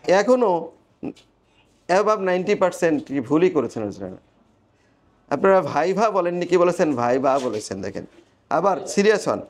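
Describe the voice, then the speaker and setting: Man, Bangladeshi accent, pronunciation teacher, classroom drills, animated pitch, call-and-repeat. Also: normal speed, pauses often, slight background noise. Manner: drills sounds aloud, asks the class to repeat. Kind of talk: classroom phonetics lesson.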